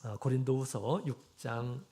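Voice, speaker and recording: A man preaching a sermon as the church's shepherd, speaking earnestly with many drawn-out pauses and fillers, and leading slow unison scripture readings. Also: medium pitch, fairly even intonation, warm tone. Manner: frequent drawn-out fillers between phrases.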